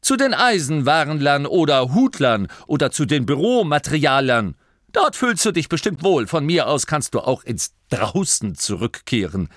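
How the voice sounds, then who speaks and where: Storybook reading, man playing a pompous gnome duke, growling, sarcastic, lively swings. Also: medium pitch, unhurried, dry recording, clean studio sound, pitched above the performer's own voice. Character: proud, moody male gnome duke.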